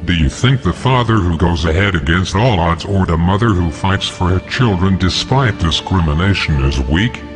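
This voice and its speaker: With music in the background, a man in a disguised, deep, lowered voice declaims a scripted manifesto defiantly. He sounds animated, speaks at normal speed, and pauses little.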